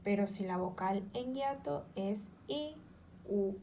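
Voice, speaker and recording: A woman slowly reading out spelling and accent rules, listing example words one by one in a careful, measured way. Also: medium pitch, animated, mellow, a little hiss or hum.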